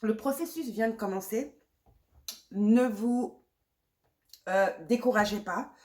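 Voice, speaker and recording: A woman's voice: fairly high pitch, takes it slowly, darkish tone. Woman doing a pick-a-card tarot reading with a cold and sore throat, reassuring, repeats herself a lot, throws in english words, close mic. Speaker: tarot reader.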